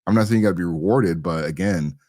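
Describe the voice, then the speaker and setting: A man's voice: low voice, quick pace, dark tone, dry recording, studio quality. A man giving casual, opinionated commentary as a co-host, slangy and rambling, often repeating his phrases. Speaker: talk show co-host.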